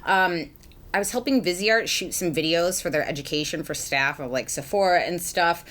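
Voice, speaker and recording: A woman's voice: lowish voice, normal speed, fairly bright tone. A young adult woman chatting casually through a makeup routine as a beauty vlogger, rambling with many ums and likes. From Massachusetts. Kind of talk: casual get-ready-with-me chat.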